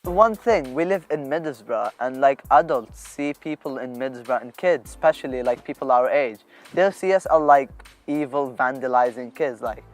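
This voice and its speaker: A man's voice: mid-range voice, moderate pace, soft background music. A young man in his late teens from Lebanon, a dance group member talking earnestly and informally in an interview. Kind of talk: documentary interview.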